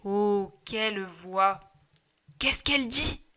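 A woman voicing a timid young shepherd boy in a devotional audiobook, speaking in hushed wonder. The tone stays bright and clear. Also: high-pitched, takes it slowly, heavily acted. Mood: awed. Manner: hushed, awed.

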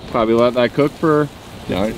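A man's voice: medium pitch, brisk. A young man hosting an outdoor cooking vlog, talking casually and upbeat while cooking with a friend at night. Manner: relaxed, upbeat banter. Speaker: vlog host. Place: outdoors at night on an island campsite. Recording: outdoor recording with clear background noise.

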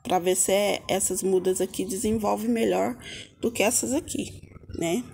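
A Brazilian woman hosts a homemade gardening video in an informal, homely way. Her mid-pitched voice has noticeable creak. It is recorded outdoors on a handheld device, with faint background noise and small clicks. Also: fairly even intonation, moderate pace, darkish tone. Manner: addresses viewers as little friends, homely and informal. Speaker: gardening vlog host. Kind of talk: casual hands-on gardening tutorial. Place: outdoor home yard with potted plants.

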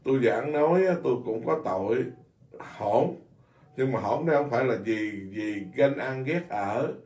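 A man's voice: mid-range voice, normal speed, roomy sound, recorded from a distance. A man, a Buddhist monk, giving an informal dharma talk in a blunt, scolding way, repeating himself often. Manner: blunt, scolding, animated with many repetitions.

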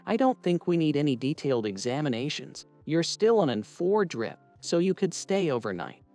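A woman voicing a kind young male doctor who speaks in a calm, gentle, reassuring way while reading a story. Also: low voice, normal speed, faint music behind, pitched below the performer's own voice. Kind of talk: storybook narration.

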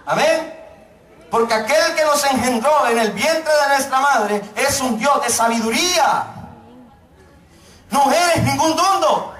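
Pastor guy preaching, really high voice, joking with the crowd, echoey church, mic kinda far. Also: a bit bright. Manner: joking, calls out to the congregation, preaches slowly for emphasis. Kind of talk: sermon. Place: church hall.

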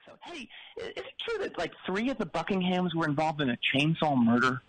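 A man's voice: fairly high pitch, very animated, fairly quick, a bit bright, a little hiss or hum, poor audio. A man calling in to a radio show, rambling earnestly and confidently wrong. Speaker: caller. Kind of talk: comedic call-in banter.

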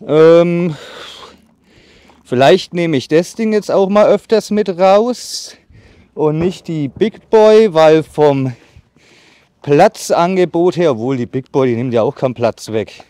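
In a leafy meadow near the trees, a man in his thirties hosting a bushcraft channel chats his way through a casual saw demo, using plenty of fillers and pausing as he saws. Sawing leaves him a little out of breath. He speaks fairly high with lively intonation and a mellow tone, recorded with no echo by a camera on a tripod at a distance.

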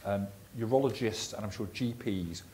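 A man chairing a discussion panel, calmly passing the floor to speakers. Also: lowish voice, normal speed, slight background noise, rough recording.

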